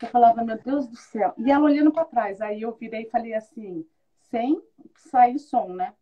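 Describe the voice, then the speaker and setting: A woman with a fairly high voice speaks at a moderate pace, and the audio sounds dull. In a casual conversational interview about motherhood, she tells good-humored stories as an animated storyteller, acting out quoted dialogue and laughing often.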